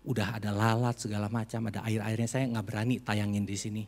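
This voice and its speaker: A man's voice: on the low side, flat delivery, quick pace, darkish tone, long reverb tail. A male pastor preaching a heartfelt sermon in a church, telling a personal story to his congregation. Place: church sanctuary during a service.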